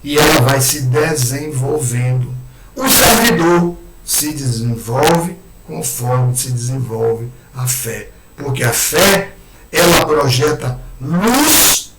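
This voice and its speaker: Hoarse, animated man lecturing from afar. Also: a little high. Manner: animated, acts out imagined people's words. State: hoarse throat. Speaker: lecturer at a spiritist center. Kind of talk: spiritist lecture. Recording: echoey room, far mic, loud noise.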